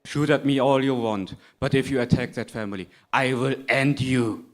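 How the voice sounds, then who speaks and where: A man's voice: medium pitch, steady tone, normal speed, lightly acted. A man voicing a defiant young mare. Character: young mare unicorn wanderer, defiant and protective. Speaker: script reader. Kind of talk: live panel script reading.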